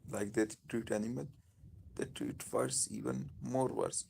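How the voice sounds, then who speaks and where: A man with a Pakistani accent speaking informally on a live stream, in halting, repetitive phrases. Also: medium pitch, fairly even intonation, gravelly, a little mellow, a little hiss or hum.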